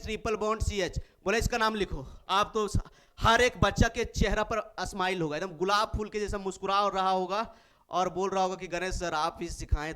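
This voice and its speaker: A male chemistry teacher, lecturing in a high, smooth voice. He keeps it playful and affectionate, slowly counting carbons aloud and speaking the students' answers for them. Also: sharp tone. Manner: playful, affectionate, calls students babu and munna; acts out students' replies in a sweet voice. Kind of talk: classroom lecture.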